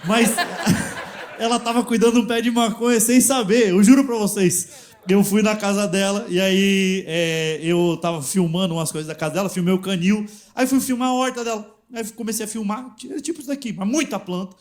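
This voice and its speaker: A man doing stand-up comedy, telling a story on stage with animated, crude punchlines. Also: sits high, a little fast. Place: comedy stage before audience. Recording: live show with crowd and noise. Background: audience laughter and noise.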